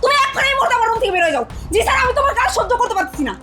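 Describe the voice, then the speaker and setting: A woman acting a hot-tempered young wife in a TV family drama, her voice very high and her words tumbling out fast. She demands and scolds without letting up, with soft music playing underneath. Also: expressive. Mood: furious.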